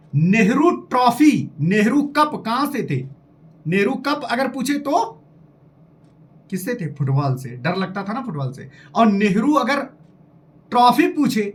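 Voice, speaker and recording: A man teaching an exam-prep lesson, quizzing his listeners directly and drilling items through repetition. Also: high-pitched. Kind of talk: lively exam-prep lesson with memory tricks.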